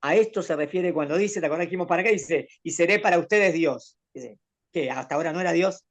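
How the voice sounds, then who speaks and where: In this conversational Torah class, a rabbi speaks a little high and fast, patiently explaining to his student and asking questions throughout.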